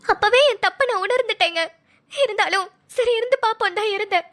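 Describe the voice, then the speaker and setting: A woman's voice: very high voice, fairly quick, fairly bright tone. A woman voicing a tearful, apologetic young wife in a cartoon, speaking colloquial Tamil Nadu Tamil. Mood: pleading. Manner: pleading, apologetic.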